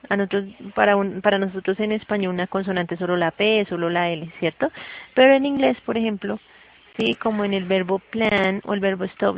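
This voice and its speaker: A woman teaches a class, explaining each step patiently and pausing often to check that her student follows. Her voice has a gravelly, fry-tinged edge. The recording sounds dull and lo-fi. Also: medium pitch. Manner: patient, keeps checking understanding. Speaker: English teacher.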